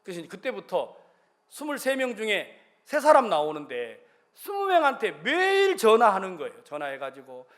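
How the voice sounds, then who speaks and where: A man preaching a sermon as a pastor, telling a story in an animated way and acting out phone conversations. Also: sits high, moderate pace. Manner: animated, acts out phone conversations in varied voices.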